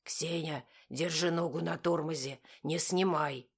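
A woman voicing a calm middle-aged man who gives patient, then firm, driving instructions. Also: deep voice, measured pace, husky, heavily acted. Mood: stern. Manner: steady, instructive, commanding.

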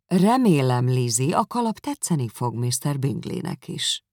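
A woman's voice: very deep voice, big pitch swings, darkish tone, no echo, exaggerated voice. A woman doing a dry, teasing father. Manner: mock-serious, teasing. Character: dry, ironic middle-aged father, teasing and calm.

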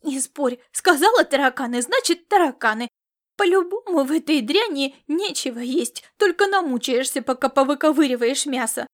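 A woman voicing a loud, bossy peasant mother who scolds and fusses in folksy speech. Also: high voice, expressive, moderate pace. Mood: fussing scolding. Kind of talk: audiobook character reading.

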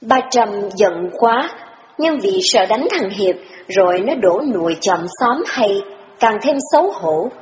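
A woman narrating an audiobook in steady, even storytelling. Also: medium pitch, slow, slight background noise. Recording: dull recording with long reverb.

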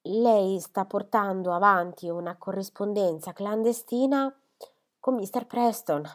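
A woman's voice: medium pitch, measured pace, natural voice. A woman reading the lines of an anxious older spinster lady who is fretful and tearful, speaking in a trembling, hesitant way.

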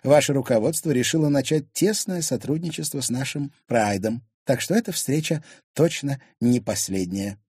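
A man's voice: mid-range voice, normal speed, few pauses, darkish tone, breathy edge, dry recording, clean studio sound, voice pushed up. A man voicing a cheerful, self-assured young woman with a teasing manner. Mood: confident.

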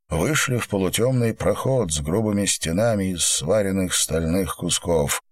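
A man narrating an audiobook in a measured, expressive reading. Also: sits low, slightly rough, no echo.

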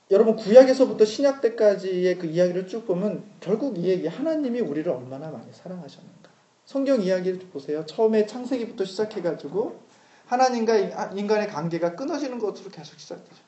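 Man, forties, high mellow voice, retreat lecture, conversational sermon, rhetorical questions, echoey hall recording. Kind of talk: sermon-style lecture with family anecdote.

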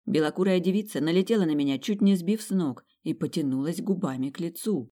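A woman reads an audiobook aloud, telling a story in the first person. Her storytelling is wry and lively. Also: fairly low pitch, brisk. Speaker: audiobook reader. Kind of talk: first-person narration of a fantasy romance.

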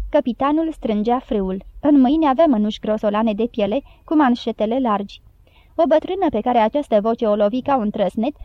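A woman narrating an audiobook in a measured, even storytelling manner. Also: on the high side, no room sound, dull audio.

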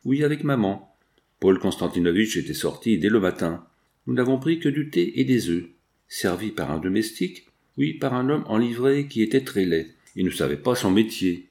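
A man's voice: lowish voice, expressive, moderate pace, darkish tone. A man reading the part of a young boy who talks earnestly and directly.

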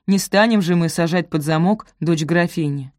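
A woman voicing a stern, weary middle-aged male magistrate who speaks gruffly and impatiently. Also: on the low side, moderate pace, a little mellow, no echo, studio quality, lightly acted.

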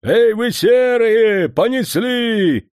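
A man voicing an anxious servant coachman who talks excitedly and fawningly. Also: sits high, moderate pace, no room sound, clean studio sound, voice pushed up. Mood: shouting.

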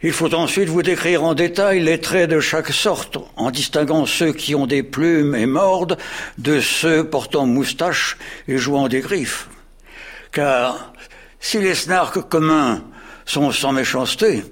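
Radio play: bossy bell-ringing captain, slow, emphatic, declaiming. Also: male voice, fairly high pitch, fairly bright tone. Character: blustering ship captain with a bell, impatient. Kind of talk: French radio drama.

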